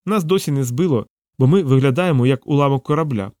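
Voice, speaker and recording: A man voicing a tough, blunt female shuttle pilot in an audiobook, raising his pitch for her and speaking curtly. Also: quick pace, a little mellow, dry recording, studio quality, natural voice. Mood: tense.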